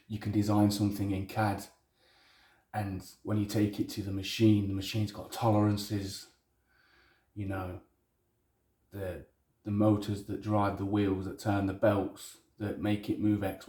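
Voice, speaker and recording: Low-voiced, echoey Leicester man, blunt and sweary. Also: warm tone. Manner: blunt, sweary, self-deprecating. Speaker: maker presenting a DIY project vlog. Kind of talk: casual unscripted monologue. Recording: roomy, echoey indoor sound.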